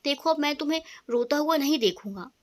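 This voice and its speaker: A woman's voice: high voice, lively intonation, a little fast. A woman voicing a playful, affectionate young man who teases his wife, in a storybook reading. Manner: teasing, affectionate. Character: playful young man, teasing loving husband.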